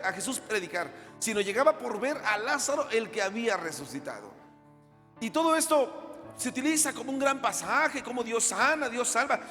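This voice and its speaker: A male pastor, preaching an animated sermon full of questions to the congregation and acting out the voices of the people in his stories. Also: very high-pitched, long reverb tail.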